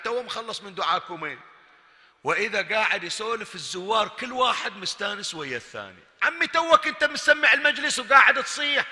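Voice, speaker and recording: Impassioned Bahraini preacher in echoing hall. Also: male voice, high-pitched. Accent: Bahraini Arabic. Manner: swings from hushed and intimate to loud and impassioned. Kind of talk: Shia majlis sermon. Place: large mosque hall. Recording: echoey hall with long reverb.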